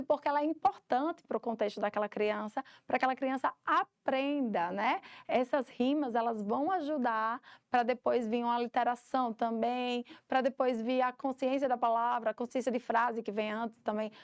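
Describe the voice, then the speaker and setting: A woman's voice: on the high side, no echo, studio quality. A woman giving a recorded course lesson for teachers, explaining step by step and acting out classroom examples. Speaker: teacher trainer.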